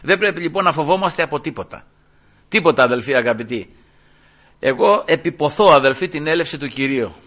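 A man in his sixties preaching a sermon with fervor, often calling his listeners brothers, dropping to hushed asides and then rising to loud cries. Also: a little high, expressive. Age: 60s. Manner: addresses listeners as brothers again and again.

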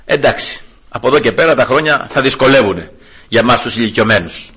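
A man in his sixties giving a sermon, preaching with swings between hushed low passages and raised, emphatic highs. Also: lively intonation, breathy edge. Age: 60s.

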